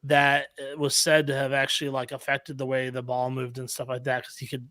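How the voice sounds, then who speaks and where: A man's voice: medium pitch, monotone, fairly quick, a bit bright, dry recording, clean studio sound. A man co-hosting a casual sports podcast, telling stories in a laid-back way, with lots of "um" and "like". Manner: storytelling, laid-back, uses many "um" and "like". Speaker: podcast co-host. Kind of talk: casual chat.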